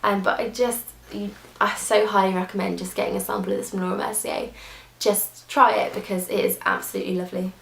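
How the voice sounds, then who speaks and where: A woman's voice: medium pitch, flat delivery, brisk, gravelly, fairly bright tone. A young woman chatting casually through a beauty product review, gushing, with lots of fillers and restarts. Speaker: beauty vlogger. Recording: echoey room.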